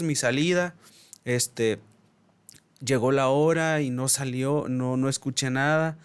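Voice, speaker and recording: Hombre joven, acento del norte de México, tono de voz medio, cuenta historias y actúa los diálogos. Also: male voice, mid-range voice, smooth. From Mexico. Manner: animated storyteller acting out dialogue. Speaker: podcast co-host. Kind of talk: casual storytelling.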